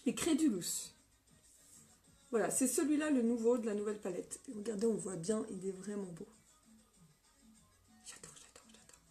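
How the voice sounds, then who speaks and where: A woman with a slightly hoarse voice hosting a casual live-stream makeup tutorial on her phone, upbeat and greeting viewers by name. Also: medium pitch, brisk, dark tone, faint music behind.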